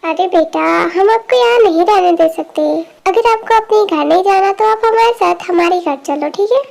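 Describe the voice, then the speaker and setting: A woman's voice: very high voice, normal speed, creaky, a little mellow. A woman voicing a worried, affectionate middle-aged mother in an amateur fan dub, with an anxious, motherly manner.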